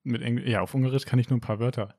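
A man's voice: medium pitch, steady tone, rapid-fire, dark tone, no echo, studio quality. A young man from Germany chatting casually, telling things in a colloquial, loosely hedged way. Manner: colloquial, hedging storytelling. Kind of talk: casual chat.

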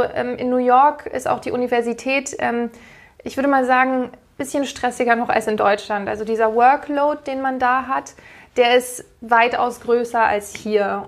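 A woman in her thirties, a yoga teacher giving a podcast interview, talking in a friendly, rambling way with many fillers. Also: on the high side.

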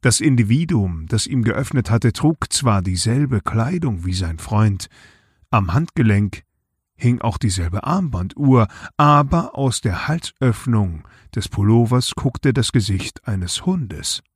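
A man co-hosting a podcast, reading a short story aloud in a measured, unhurried way. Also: fairly low pitch, lively intonation, husky, no room sound, clean studio sound. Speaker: podcast co-host.

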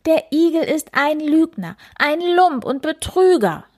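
Storybook hare, loyal and anxious, high and emotional, cries out easily, voiced by a woman. Soft, slow German reading. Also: animated. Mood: furious. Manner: high, pleading and crying out.

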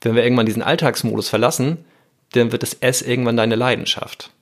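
A man's voice: mid-range voice, steady tone, fast. A man hosting a motivational self-help podcast, talking earnestly and directly to the listener. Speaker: podcast host.

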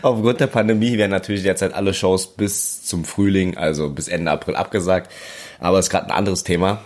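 A young man from Berlin speaks with a strong local accent, his voice very low and his delivery rapid. He hosts a casual podcast beside his partner, trading jokes and teasing. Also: steady tone. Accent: Berlin German. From Berlin, Germany. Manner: joking, teasing, quick banter. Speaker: podcast host, stand-up comedian. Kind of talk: casual couple podcast chat.

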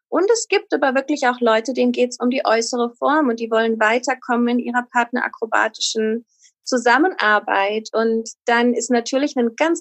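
A woman guest giving calm, structured, reflective answers in an interview. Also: on the high side. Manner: calm, articulate, structured explanations. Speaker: guest, acro yoga teacher.

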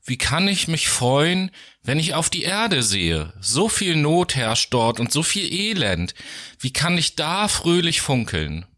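A man voicing a sad, tender little male star angel in a storybook, speaking softly and plaintively. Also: a little high, big pitch swings, slow, voice pushed up, exaggerated voice. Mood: sorrowful. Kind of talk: storybook reading.

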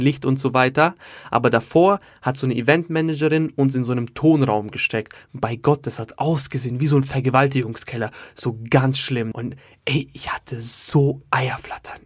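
A man in his twenties telling a comic story in an animated, slangy way, packed with filler tags. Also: medium pitch, dry recording, clean studio sound. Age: 20s. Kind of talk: comedic storytelling to an audience.

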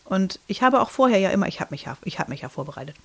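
A woman's voice: mid-range voice, big pitch swings, racing, vocal fry, a bit bright, slightly rough. A woman in her thirties chatting casually on a podcast, telling a personal story with many fillers and restarts and acting out what people said. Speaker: podcast co-host.

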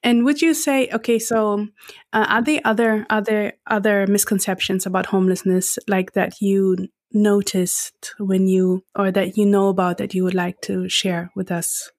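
A podcast host with a mid-pitched woman's voice asks open questions, restarting phrases as she finds her words. Her sound is dry and close, with no room around it. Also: level tone, moderate pace, no room sound. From Germany. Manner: warmly affirming, lots of soft "mm" responses, searching restarts. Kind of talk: interview questions.

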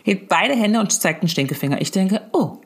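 A woman's voice: medium pitch, expressive, brisk, husky. Woman, 30s, chatty mother, comic rambling voice-message storyteller. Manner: rambling, tags lines with "ne?".

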